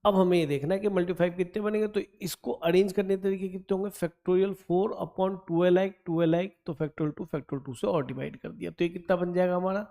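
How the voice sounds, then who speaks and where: High-voiced, mellow maths teacher. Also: male voice, steady tone, moderate pace, hardly any pauses. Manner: coaxing, addresses students as beta, thinks aloud while counting. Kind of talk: explaining exam problem on a board.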